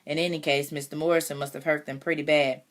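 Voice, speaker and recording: A woman reading aloud voices a calm, careful farm mother who speaks softly and reasons things through. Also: sits low, fast, natural voice. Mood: cautioning. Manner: soft-spoken, reasoning.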